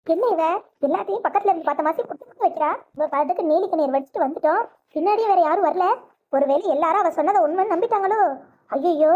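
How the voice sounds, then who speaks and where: A sly young woman in a cartoon family drama, voiced by a woman, plotting and feeling sorry for herself. Her voice is shrill and very high, and the sound is dull and lo-fi. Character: scheming young woman, sly and self-pitying. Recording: dull lo-fi audio.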